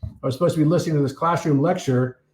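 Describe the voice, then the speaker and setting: Guy rambling through a live talk, kinda hoarse, higher voice, echoey room. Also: rapid-fire, darkish tone. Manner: rambling storytelling with many fillers and restarts. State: losing his voice a little. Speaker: speaker taking audience questions.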